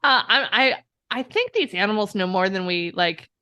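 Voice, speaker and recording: Bright chatty woman, laughs a lot, animated storyteller, podcast chat. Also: mid-range voice, moderate pace, clear, resonant tone. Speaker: podcast guest. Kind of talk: casual conversation.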